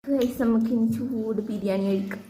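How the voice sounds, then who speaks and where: A woman's voice: fairly high pitch, normal speed, warm tone, slight background noise, poor audio. A woman with a Kerala Malayali accent vlogging casually, mixing English words into her Malayalam. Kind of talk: casual vlog narration.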